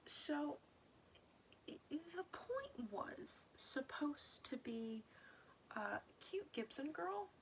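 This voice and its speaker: Woman vlogger, casual rambling diary chat, whispery asides, gravelly fry. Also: sits high, sing-song, extremely slow.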